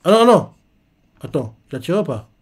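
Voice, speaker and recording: A man's voice: fairly high pitch, very animated, brisk, breathy edge. A man reading a manga chapter live and reacting in a chatty way, full of fillers and speculation.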